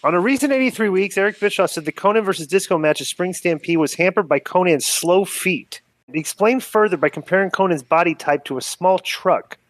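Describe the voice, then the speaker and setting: A man's voice: high-pitched, lively intonation, a little fast. A man hosting a podcast, reading listener mail aloud with wry asides. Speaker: podcast host. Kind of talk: casual podcast chat.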